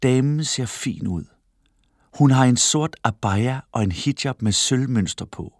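A man narrating a children's book in an expressive storytelling manner. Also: medium pitch, no room sound, studio quality. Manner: expressive storytelling, voices the characters. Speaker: audiobook narrator.

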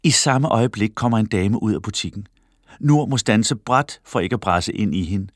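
A man narrating a children's book in an expressive storytelling manner. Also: fairly low pitch, no echo, studio quality. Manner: expressive storytelling, voices the characters. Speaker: audiobook narrator.

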